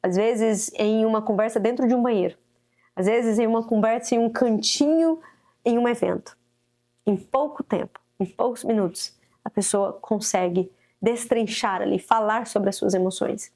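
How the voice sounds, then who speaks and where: Earnest high-voiced woman giving parenting advice. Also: normal speed, mellow. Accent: Brazilian Portuguese. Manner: earnest, coaching, acts out quoted parents and children. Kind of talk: direct-to-camera advice talk.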